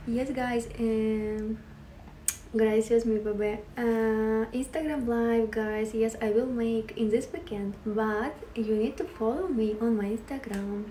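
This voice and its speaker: A woman's voice: fairly high pitch, fairly even intonation, slow, mellow, reverberant, distant mic, a little hiss or hum. A woman from Ukraine hosting a casual livestream, greeting and thanking viewers, giggling often as she switches between languages. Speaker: live-stream host.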